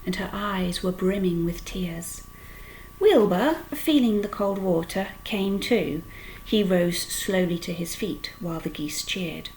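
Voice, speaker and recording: A woman reading a children's book aloud with expressive storytelling. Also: lowish voice, slow pace, slight background noise, low-quality recording. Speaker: storytime reader.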